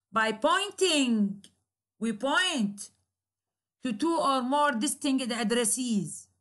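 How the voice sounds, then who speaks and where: Slow, repetitive woman lecturing on grammar. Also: on the high side, a bit bright. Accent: Iraqi Arabic. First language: Arabic. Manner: slow, repeats key phrases and example sentences. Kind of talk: recorded university lecture.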